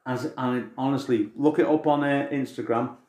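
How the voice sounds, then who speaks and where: An English man talks in easygoing, informal podcast chat, dropping the odd swear word. His voice sits at a middling pitch. The room around him gives the sound a clear echo. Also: fairly even intonation, normal speed, a little mellow. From England. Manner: chatty, informal, swears casually. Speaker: podcast co-host. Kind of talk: casual chat.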